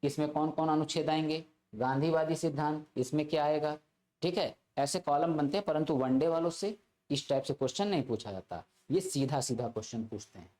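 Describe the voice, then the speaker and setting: Brisk and warm, with a slightly high voice, this man teaches polity in a classroom lecture for exam students. He keeps repeating key phrases and repeatedly checks in with his listeners.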